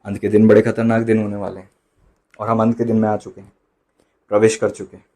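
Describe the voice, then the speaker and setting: A man preaching a sermon, switching between loud emphatic bursts and quiet dropped asides, slowing right down for quoted lines. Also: fairly low pitch, level tone. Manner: mixes in English phrases and slow drawn-out quotes. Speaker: pastor.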